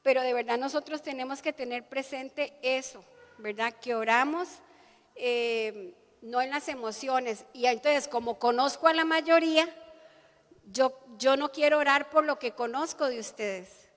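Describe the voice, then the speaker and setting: A woman's voice: high voice, measured pace, a bit bright. A woman preacher giving an earnest church sermon, often checking in with her listeners. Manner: earnest, often adds the tag "¿verdad?". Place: church hall. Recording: long church hall reverb.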